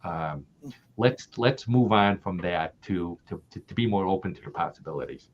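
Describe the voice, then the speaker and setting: On a casual podcast interview captured in dull lo-fi audio with slight background noise, an older Midwestern man appears as a guest author. His voice is low and his pace moderate, and he laughs often and repeats himself.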